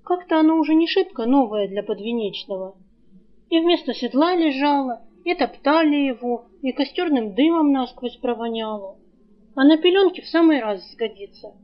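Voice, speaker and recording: A woman voicing a flustered, easily mortified young village woman in an audiobook, her voice rising high when she exclaims. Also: lively intonation, moderate pace. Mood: weary. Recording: dull lo-fi recording.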